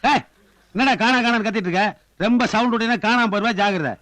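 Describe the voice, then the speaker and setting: A man playing a cheeky household cook in a comedy film, with quick mocking banter. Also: very high voice, a bit bright. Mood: scolding. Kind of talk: Tamil film comedy acting. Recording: noisy film soundtrack.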